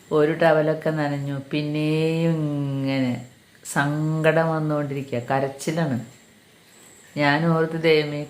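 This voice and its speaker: A woman's voice: deep voice, darkish tone, slight background noise. A middle-aged woman, a catechism teacher, giving an earnest personal religious testimony and calling listeners dear brothers and sisters. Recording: echoey room.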